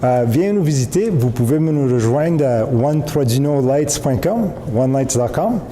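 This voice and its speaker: A man with a Quebec French accent gives an informal, rambling product pitch. He restarts often and drops English words into his French. His mellow voice rings out in a reverberant hall over faint background ambience. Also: expressive, measured pace, slight background noise. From Montreal, Quebec. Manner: informal pitch with many fillers and restarts, mixing English terms. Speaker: company founder. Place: event hall.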